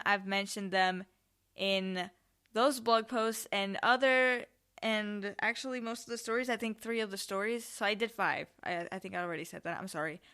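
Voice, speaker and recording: A young podcast host from Spain, whose family is in Mexico, spins casual solo stories, wandering and frequently correcting herself. She speaks at medium pitch with a pushed, bright, clean tone.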